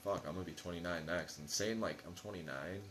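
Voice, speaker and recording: Quick and low-pitched with a fairly bright tone, this late-twenties man rambles through a casual podcast chat as a guest, his talk slangy and profane.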